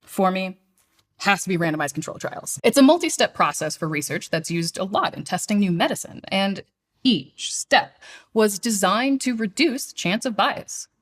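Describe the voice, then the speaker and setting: A woman's voice: medium pitch, animated, moderate pace. A woman appearing as a guest on an educational show, explaining science in a bubbly, enthusiastic way. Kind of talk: scripted educational dialogue.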